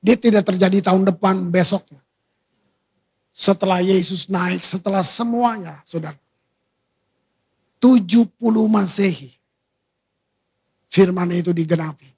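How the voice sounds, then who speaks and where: Man, pastor, sermon, husky voice, conversational, slow emphasis and quick asides. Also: sits high, fairly even intonation, a little mellow. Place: church.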